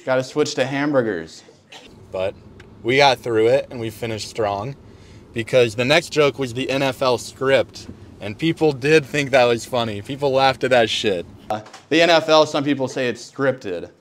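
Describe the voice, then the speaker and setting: A man's voice: medium pitch, normal speed. Young guy vlogging in his car at night, crude jokey recap of his set, phone held out. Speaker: comedian vlogging an open mic night. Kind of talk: casual vlog chat. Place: bar, then parked car at night. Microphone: handheld camera at arm's length.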